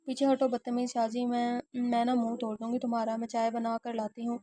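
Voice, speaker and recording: A woman reading the part of a sleepy, sharp-tongued young wife who scolds her husband. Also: fairly high pitch, monotone, no room sound, natural voice. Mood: grumpy. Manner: grumpy, scolding.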